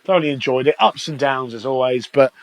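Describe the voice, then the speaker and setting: A chatty man co-hosts a casual podcast, joking easily with the others. His voice sits at a middle pitch and he talks in a loose, conversational way. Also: quick pace. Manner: chatty and jokey. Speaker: podcast co-host.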